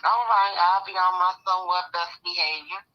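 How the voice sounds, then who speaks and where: A woman's voice: lowish voice, steady tone, moderate pace, lo-fi sound. An older woman heard over a phone on speakerphone, chatting casually and giving blunt opinions. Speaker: aunt called on stream.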